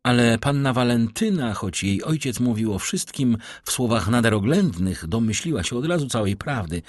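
A man narrating a classic novel audiobook with expressive, varied delivery. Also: mid-range voice, moderate pace, no echo, studio quality.

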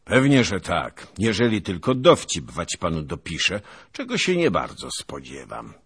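A man voicing a boastful, gluttonous old nobleman soldier who talks loudly and patronizingly in an audiobook. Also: low-pitched, wildly swooping pitch, a little slow, breathy edge, pitched above the performer's own voice, full character voice. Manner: pompous, patronizing, loud.

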